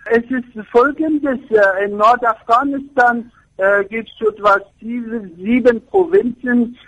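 High gravelly man, halting. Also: fairly bright tone, rough recording. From Afghanistan. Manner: halting, searching for words in a second language. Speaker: architecture professor, interview guest. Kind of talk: radio interview answers.

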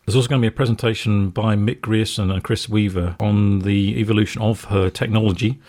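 A man's voice: lowish voice, steady tone, fairly quick, a little mellow. A man co-hosting a music radio show in casual chat, chuckling often and hesitating with fillers.

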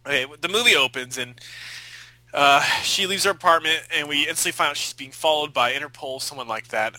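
A man's voice: a little high, fairly quick, pushed and bright, no room sound, rough recording. A young man co-hosting a casual movie podcast, rambling and joking with lots of filler. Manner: rambling, jokey, full of filler. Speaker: podcast co-host.

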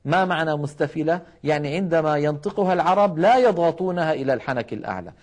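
This Quran recitation teacher, a man with a fairly high, lively voice, runs a televised lesson from a studio. He slowly and carefully sounds out individual letter syllables, explains how each is formed, and repeatedly urges viewers at home to repeat after him.

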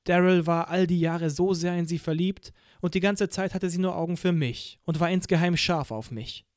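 A man reading a novel aloud in first person, expressive and acting out the dialogue. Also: high-pitched, moderate pace, no room sound, clean studio sound. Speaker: audiobook narrator. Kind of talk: scripted first-person narration.

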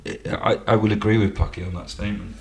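A man's voice: lowish voice, fairly even intonation, brisk, gravelly. A man co-hosting a casual radio chat, joking and laughing often, breaking off and restarting sentences. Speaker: radio co-host. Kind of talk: casual banter. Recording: echoey room with loud music behind. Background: loud music.

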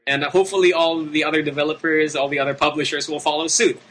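A man's voice: fairly high pitch, steady tone, fast talker, fairly bright tone, a little hiss or hum, rough recording. A man with a Filipino accent hosting a video game show, talking in a casual, rambling, emphatic way. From Philippines. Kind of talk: casual, unscripted game commentary.

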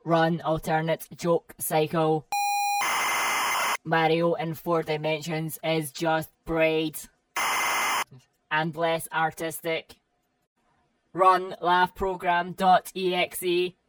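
A performer voicing a deadpan robot sidekick with a flat robotic computer voice, speaking from some distance off the mic. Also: mid-range voice, slow pace, long pauses. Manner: deadpan, announces its own programs. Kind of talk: comedy sketch dialogue.

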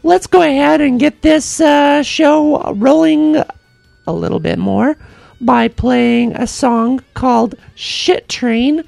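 A woman hosting a podcast in a casual, creaky voice, with a drawn-out, sing-song welcoming delivery. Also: sits high, fairly even intonation, darkish tone, dry recording. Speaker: podcast host.

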